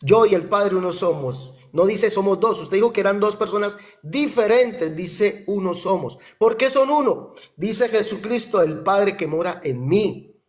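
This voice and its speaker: A man's voice: high-pitched, animated, a little slow. A man in a heated religious debate who quotes scripture, repeats his points and accuses the other side. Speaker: debater challenging a pastor.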